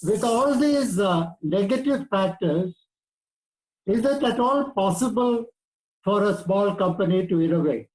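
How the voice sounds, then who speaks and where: Older Indian English speaker, 80s, fairly high voice, steady lecturing delivery. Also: male voice, rough recording. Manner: measured, lecturing. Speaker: guest speaker. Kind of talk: prepared talk.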